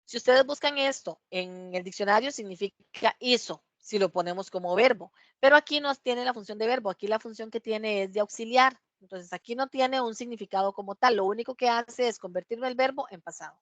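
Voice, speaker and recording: A woman's voice: on the high side, no room sound, dull audio. Patient woman teaching English pronunciation. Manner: patient, repeats and checks with "¿ok?"; drills English words slowly, one by one. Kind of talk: online class explanation.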